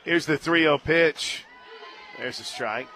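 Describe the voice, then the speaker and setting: A fairly high-pitched man handles radio play-by-play for a live softball game from a stadium radio booth. He moves briskly through the action and climbs to excited shouting on big plays.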